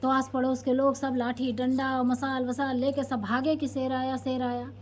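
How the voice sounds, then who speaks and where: A woman's voice: high-pitched, flat delivery, normal speed, darkish tone, a little hiss or hum. A woman vlogger chatting with viewers, telling a story in a casual style. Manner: chatty, addresses viewers directly.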